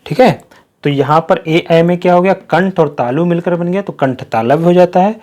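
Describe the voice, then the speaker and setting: A male Hindi grammar teacher with a somewhat high-pitched voice. He walks through the lesson slowly, drills each point by repeating it, and poses questions that he answers himself. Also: a little mellow. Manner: slow, repetitive explaining with questions to the class. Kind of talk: classroom-style lesson.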